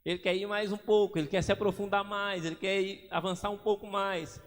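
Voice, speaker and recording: A man's voice: high voice, flat delivery, a little fast. A man preaching a sermon as pastor, acting out little everyday scenes as he goes. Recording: long hall reverb.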